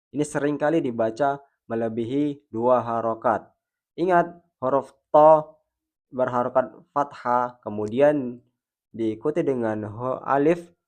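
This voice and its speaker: Man, recitation teacher; slow, careful lesson delivery with stretched-out example sounds. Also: mid-range voice. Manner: slow, deliberate explaining with drawn-out demonstration sounds. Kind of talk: tajwid pronunciation lesson.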